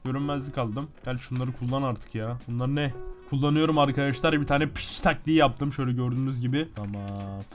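A young man doing casual gameplay commentary while sick with a slight cough. He swings between muttering that he is calm and sudden shouting outbursts. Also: mid-range voice, a little fast, soft background music. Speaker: gaming YouTuber.

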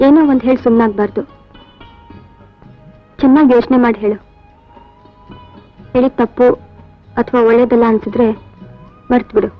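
A woman's voice: fairly high pitch, steady tone, normal speed, pauses often, natural voice. An actress playing a caring rural wife who speaks earnestly and plainly with her husband, in a 1970s Indian film. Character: caring rural woman, firm with husband, adult. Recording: tinny old film soundtrack with faint music.

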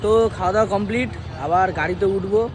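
A man's voice: high-pitched, racing. Young man vlogging casually. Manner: hushed and soft-spoken early on, so as not to wake his father; excited and loud outdoors with friends. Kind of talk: casual travel vlog.

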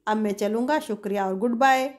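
A woman's voice: a little high, fairly quick, natural voice. Storybook shopkeeper, middle-aged man, courteous and genial, voiced by a woman. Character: polite middle-aged shop manager Ubatun.

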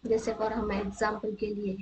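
A woman teacher going through an exam answer key. She reads the English options slowly and explains them rapidly in between. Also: medium pitch, monotone, background noise.

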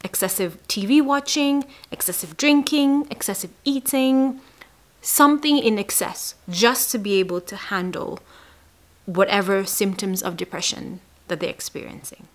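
A woman talks straight to her viewers as a psychologist, in a mid-range voice. Her delivery is emphatic, and she often sinks into a soft, near-whispered aside to press a point home. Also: mid-range voice, moderate pace. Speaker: psychologist hosting an educational channel. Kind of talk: explanatory talk to camera.

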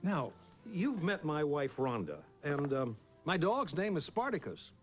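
An actor playing a prissy, passive-aggressively polite doctor in a TV comedy-drama, speaking in a formal, pointed way. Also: male voice, a little high, sing-song, a little slow, faint music behind. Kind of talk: naturalistic TV comedy-drama acting.

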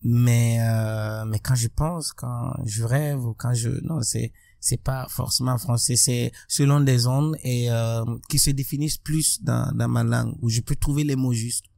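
A musician guest from Burkina Faso gives a reflective interview, his gravelly, mellow voice sitting at medium pitch with a steady tone. He speaks thoughtfully, halting and restarting often in stop-and-start phrases. He's recorded dry and close on a boom-arm studio mic in a bright room with plants and large windows.

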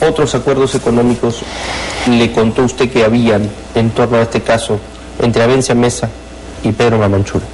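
A man, hosting a morning news show and firing brisk, pressing follow-up questions at a guest in a TV studio. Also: mid-range voice, level tone, darkish tone, a little hiss or hum, poor audio. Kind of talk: television interview. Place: television studio.

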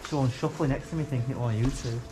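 A man exploring a building with friends, speaking in a hushed, uneasy way. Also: mid-range voice, very fast, background noise. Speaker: fellow explorer. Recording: music playing under the voice.

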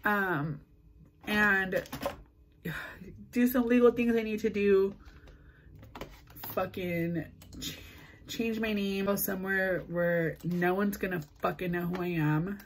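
A woman's voice: medium pitch, fairly even intonation, low-quality recording. Young woman talking to her camera, teary, lots of "like", a bit of room hiss. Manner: halting, emotional, filler-heavy with lots of "like". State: tearful. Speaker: vlogger. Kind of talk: confessional vlog to camera.

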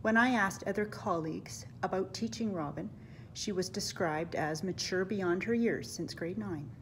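A middle-aged woman teacher reading a warm, admiring introduction of a student into a webcam. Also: medium pitch, moderate pace, a little hiss or hum. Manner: warm, admiring, reads lists of traits. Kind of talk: prepared tribute speech. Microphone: webcam, close framing.

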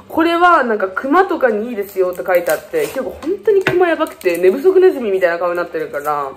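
In this casual haul vlog, a Fukuoka beauty vlogger in her twenties talks fast, cracking self-deprecating jokes and drifting off on playful tangents. Her voice swings widely up and down in pitch.

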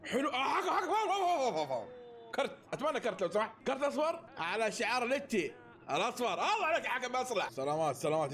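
Guy reacting to a football game, real high voice, talks fast, yells when his team scores. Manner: excitable, bursts into shouted cheers and laughter. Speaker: football fan reacting to a match. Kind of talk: live match reaction.

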